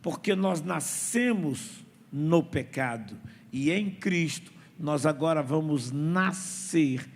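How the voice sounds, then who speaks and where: A man's voice: a little high, slow pace. A man preaching a sermon as pastor, telling stories and calling for responses from the congregation. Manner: animated storytelling with call-and-response. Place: church. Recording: echoey hall with faint noise.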